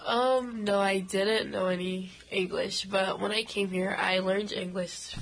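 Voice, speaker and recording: A woman's voice: medium pitch, fairly even intonation, a little slow, a little hiss or hum, poor audio. Young Haitian-born woman, candid and brief. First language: Haitian Creole. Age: young adult. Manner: plain, candid short answers. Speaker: student guest. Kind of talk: casual interview answers.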